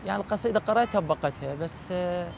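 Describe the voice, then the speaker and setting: High-pitched, creaky Iraqi man. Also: very fast. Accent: Iraqi Arabic. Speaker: religious cleric guest. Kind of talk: reflective interview talk. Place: outdoors at night in a city park. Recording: traffic and city noise behind.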